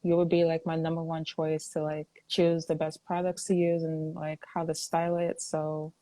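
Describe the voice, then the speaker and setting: A woman's voice: deep voice, completely flat delivery, normal speed, dark tone, no echo, low-quality recording. A young woman hosting a casual interview, upbeat and full of fillers as she introduces her guest. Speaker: host.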